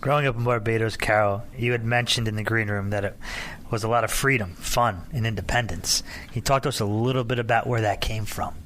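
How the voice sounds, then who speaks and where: Fast-talking male co-host. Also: fairly low pitch, fairly even intonation, a bit bright, a little hiss or hum. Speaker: radio co-host. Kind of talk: radio interview.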